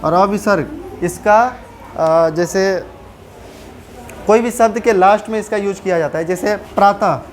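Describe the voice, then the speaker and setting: A woman's voice: medium pitch, measured pace, pauses often, a little mellow, a little hiss or hum. Woman teacher quizzing a class. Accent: Bihari Hindi. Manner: asks questions and checks understanding often. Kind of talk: classroom grammar lesson.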